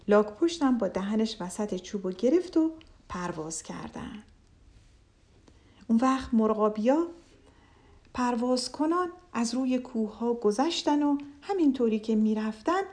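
Woman storyteller for kids, gentle and clear, mellow tone. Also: fairly high pitch. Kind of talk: children's story narration.

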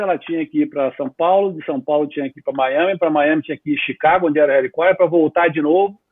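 A man's voice: a little high, no room sound. Talkative man in his fifties on a tinny line. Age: 50s. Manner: animated, talkative, casual slang. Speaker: guest, entrepreneur. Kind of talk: casual interview talk.

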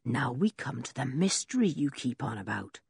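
A woman voicing an old male village blacksmith who tells a story slowly and in a rustic way, with a husky voice. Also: very deep voice, big pitch swings, a little hiss or hum, voice pushed down, heavily acted. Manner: slow, drawn-out, rustic storytelling. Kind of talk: audiobook character reading.

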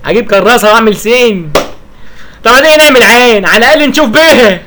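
A man's voice: very high-pitched, lively intonation, fast, pushed and bright, slight background noise, full character voice. An actor playing an exasperated, hot-tempered father with an Egyptian accent, scolding and moaning in a radio comedy. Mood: scheming.

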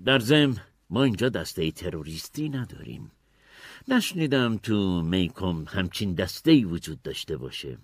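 A man playing a calm, principled middle-aged lawyer and father, speaking in a friendly, measured way in an audiobook drama. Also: sits low, husky, dry recording, exaggerated voice.

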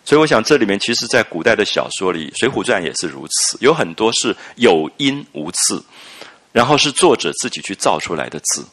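A deep-voiced older man gives a lecture on a classic novel. His very low voice swings up and down in lively sweeps. He speaks in a reflective way, stretching out soft "ah" fillers between his thoughts. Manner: reflective, with many drawn-out "啊" fillers. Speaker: literature lecturer.

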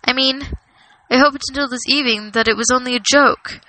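A woman reading the part of an earnest, thoughtful young male hobbit, speaking with quiet wonder. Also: sits high, fairly even intonation, fairly quick, low-quality recording.

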